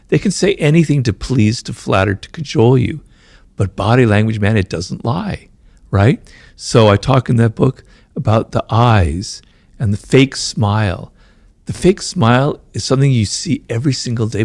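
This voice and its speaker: Gravelly, fast-talking man explaining in an interview. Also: mid-range voice, darkish tone, no echo. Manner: explains with fillers like "right?" and "you know"; talks fast, says his mind races. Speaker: author being interviewed. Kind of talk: conversational interview answer.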